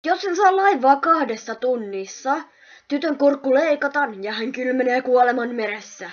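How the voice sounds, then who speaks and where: A woman's voice: high voice, animated. A woman doing a foul-mouthed cartoon pirate captain. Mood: scheming. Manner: threatening, barking, swearing. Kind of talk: amateur fan dub. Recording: muffled audio with music underneath.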